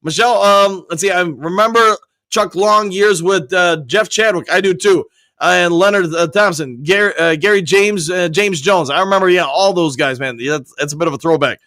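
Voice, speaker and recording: On his live stream, a man reads out viewer comments and replies in an upbeat way despite a nearly exhausted voice. His voice sits high with a sharp tone and moderate pace, and there's no echo.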